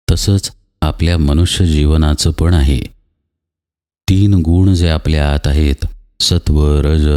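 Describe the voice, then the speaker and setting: Man, spiritual teacher; very low, dark voice; patient, example-driven discourse in a reverberant hall. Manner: patient explaining with everyday examples and rhetorical questions.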